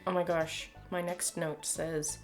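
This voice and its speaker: A woman's voice: on the low side, little pitch movement, slow, faint music behind. A young adult woman with a Canadian accent giving casual, emphatic opinion commentary to camera in a sardonic, exasperated way. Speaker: video commentator. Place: small home room, indoors.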